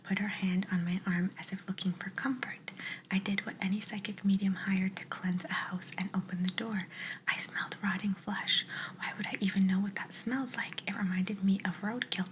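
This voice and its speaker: A young adult woman, an ASMR creator, reading viewers' stories in a soft, steady whisper. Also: medium pitch, low-quality recording.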